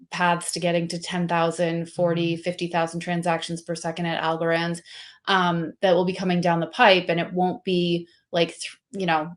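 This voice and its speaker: A woman speaking as a guest in a casual interview, animated and talkative, full of fillers and restarted sentences. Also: lowish voice. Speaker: guest, company representative.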